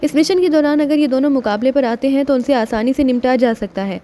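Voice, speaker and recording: A man's voice: extremely high pitch, warm tone. A woman voicing a serious man who lays out a mission plan in an audiobook. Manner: serious, measured. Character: grave male mission planner.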